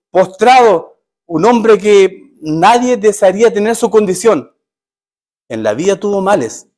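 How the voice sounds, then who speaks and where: Male pastor, high voice, emphatic sermon delivery with rhetorical questions. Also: a little mellow.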